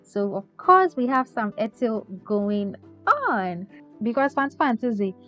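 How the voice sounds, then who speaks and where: A chatty woman talks viewers through a recipe in a fairly high voice. She keeps checking in with a friendly "okay?" as she goes. The sound is a bit dull, with faint music underneath. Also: very animated, measured pace, pushed and bright. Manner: chatty, often ends with "okay?". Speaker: cooking channel host. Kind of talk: cooking tutorial voice-over.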